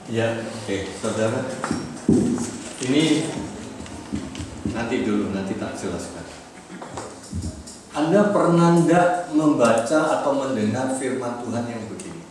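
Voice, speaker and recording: A man preaching a sermon, lively and often putting questions to his listeners. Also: mid-range voice, measured pace, long pauses, over music. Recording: echoey hall from far off, noisy.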